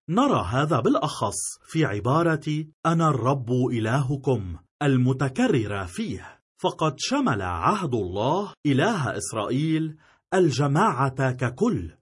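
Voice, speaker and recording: A man narrates a scripted theology lesson at a measured, formal pace. His voice is husky, and his pitch rises and falls with a lot of life. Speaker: lecturer narrating a theology course.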